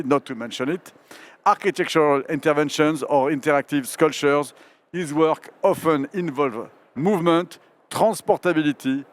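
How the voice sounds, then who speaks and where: A man with a French accent moderating a live panel discussion, animated and speaking straight to the audience. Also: on the high side.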